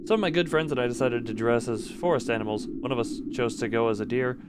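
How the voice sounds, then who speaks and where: A game streamer gives casual livestream commentary and reads game text aloud, often stumbling over words and correcting himself. His mid-range voice moves fast over heavy background noise.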